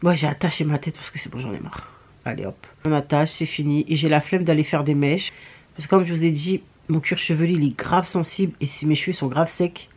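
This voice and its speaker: Low-pitched, brisk, and a little mellow, this young woman's voice carries a cold as she chats with her vlog viewers. Her talk is frank and full of slang, mixing complaints with self-mockery.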